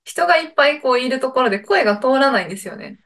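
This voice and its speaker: A young woman guest on a podcast, talking softly and hesitantly with many fillers. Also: high-pitched, expressive, very fast. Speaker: guest staff member. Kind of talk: casual podcast interview.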